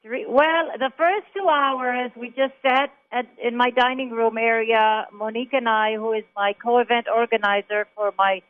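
A woman's voice: fairly high pitch, steady tone, moderate pace, few pauses. A woman from Israel, calling in to a talk radio show and telling her story in an emphatic, chatty way. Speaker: caller. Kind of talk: phone interview on talk radio. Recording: tinny phone line.

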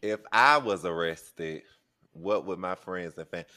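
An American man with a deep voice co-hosting a podcast, asking questions and trading anecdotes in casual chat. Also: measured pace, bright, forceful tone. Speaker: podcast co-host.

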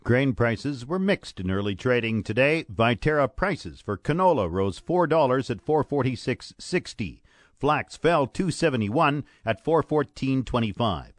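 Lively male Canadian farm report announcer. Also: medium pitch, a little slow, no room sound. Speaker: radio host reading farm markets and weather. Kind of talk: radio farm report, scripted broadcast narration.

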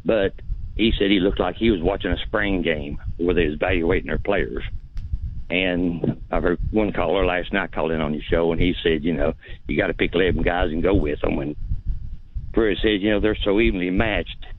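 Calling in to a sports radio show, a man gives his opinion in a blunt, folksy, rambling way. His low voice moves at a normal speed and is heard over a phone line.

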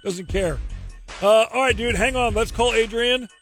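A man's voice: very high-pitched, normal speed, fairly bright tone, soft background music. A man co-hosting a radio show, chatting candidly and cracking jokes. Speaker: radio co-host.

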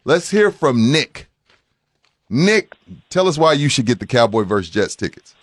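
A man's voice: medium pitch, very animated, measured pace, no room sound. Opinionated man hosting sports radio, dry studio sound. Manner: opinionated, casual, repeats himself for emphasis. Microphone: studio mic.

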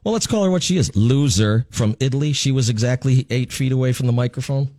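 A man's voice: mid-range voice, fast, a little mellow, dry recording. A man hosting a casual, joking radio interview in a sarcastic, irreverent way. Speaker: radio show host.

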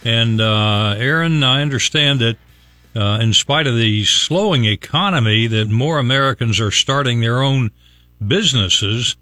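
A man hosting a morning radio show, easygoing and quick to laugh with his co-hosts. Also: medium pitch, sharp tone, no room sound, faint music behind. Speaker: radio host. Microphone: studio microphone.

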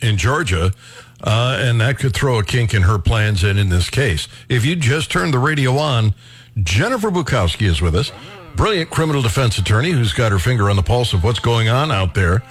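A man hosting a talk radio show, chatting casually with a guest in a halting way with many fillers. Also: medium pitch, sing-song, slightly rough.

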